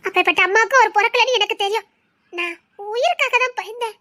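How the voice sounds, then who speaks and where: A woman's voice: very high voice, quick pace, pushed and bright, no echo, clean studio sound. A woman acting a grieving, wronged young woman, speaking with a Tirunelveli Tamil accent in a trembling, tearful voice. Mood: defensive.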